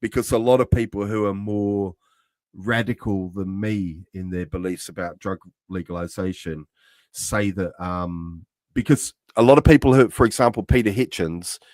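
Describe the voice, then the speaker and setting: A middle-aged man co-hosting a casual live-stream chat, earnest and halting, often restarting his sentences. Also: fairly low pitch, a little mellow, dry recording. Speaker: co-host.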